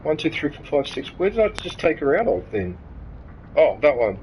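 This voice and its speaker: At normal speed and with big pitch swings, a mid-range-voiced streamer from Sydney, Australia rambles and rants through live gaming stream chat, cursing freely and then apologizing. The headset-mic recording is muffled, with slight background noise.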